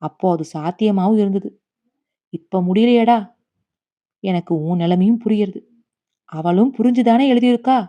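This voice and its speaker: A woman's voice: mid-range voice, moderate pace, long pauses, highs cut off, close to an everyday voice. A woman voicing a grieving old grandmother. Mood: pleading. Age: over 60. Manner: anguished, scolding then quietly bitter. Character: grieving elderly Brahmin grandmother, stubborn yet tender.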